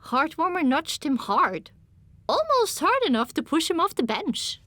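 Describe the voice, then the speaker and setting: A woman reading a first-person audiobook in measured storytelling. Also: sits high, big pitch swings, a bit bright, dry recording. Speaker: audiobook narrator. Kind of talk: scripted first-person narration.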